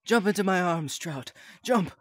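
Slow, animated player on a noisy mic. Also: medium pitch. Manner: laughing, exclaiming, drawn-out. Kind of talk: casual gaming chat among friends.

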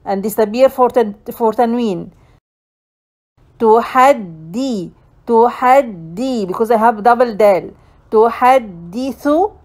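A woman teaching tajweed, reciting slowly syllable by syllable and giving short corrections in between. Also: on the high side, a little mellow. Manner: slow, drawn-out syllable-by-syllable recitation with brief corrections. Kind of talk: slow tajweed lesson, recitation with explanations.

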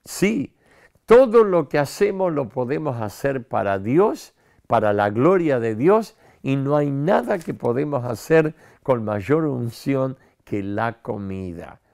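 Animated older pastor with gravelly voice. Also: male voice, mid-range voice, takes it slowly. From Argentina. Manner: animated, emphatic, talks with his hands. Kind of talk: promotional sermon to camera. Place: studio set with city backdrop. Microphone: lapel mic.

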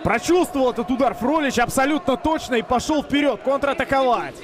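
A man giving excited live commentary on a fight as a commentator. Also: very high voice, fairly quick, a crowd in the background.

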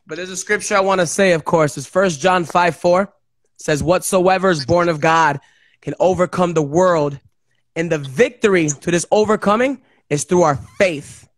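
A male host prays and exhorts over a guest in a fervent, emphatic preacher style, improvising as he goes. His voice is high-pitched and moves at a moderate pace, and the recording is dry.

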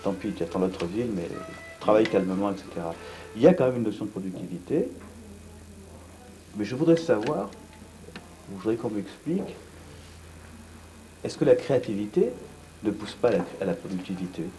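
A middle-aged man seated in a gallery cellar, answering an interview in a blunt, brisk way with many restarts. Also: lowish voice, expressive, warm tone, faint music behind, low-quality recording. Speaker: art fair organizer. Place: vaulted brick gallery cellar, indoors.

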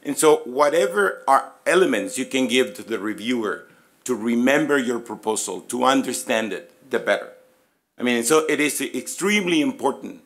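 Hoarse middle-aged man lecturing. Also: mid-range voice, lively intonation, a bit bright. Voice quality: hoarse, raspy voice. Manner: halting, conversational, inviting questions. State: losing his voice, throat-clearing. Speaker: physics professor, presenter. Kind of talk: informal lecture presentation. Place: conference room, at a lectern. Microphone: gooseneck lectern microphone.

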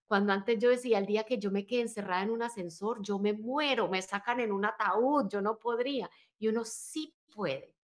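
A woman coach speaks in an earnest, motivational way, talking through her own experience in a relaxed interview. She has a middle-range voice and often tags her sentences with "right?" as she makes her points. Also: mid-range voice. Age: adult, married with children. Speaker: life and business coach, podcast guest. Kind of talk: conversational interview, personal story.

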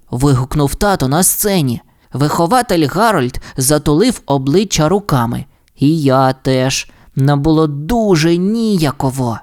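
Lively, playful male storyteller. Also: fairly high pitch. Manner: expressive, playful. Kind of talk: audiobook fairy tale narration.

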